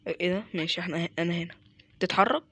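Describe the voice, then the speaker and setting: A man's voice: high voice, fairly even intonation, rapid-fire, sharp tone, no echo. A man with an Egyptian accent giving casual gameplay commentary, muttering to himself and mocking his own mistakes. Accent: Egyptian Arabic. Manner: mutters to himself, self-mocking, with sudden exasperated outbursts. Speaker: gaming YouTuber.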